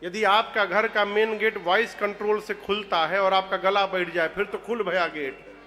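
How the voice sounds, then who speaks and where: A man, telling devotional stories with jokes, animated and bursting into loud chants. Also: high voice, normal speed, slight background noise. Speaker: religious storyteller. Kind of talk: humorous devotional storytelling.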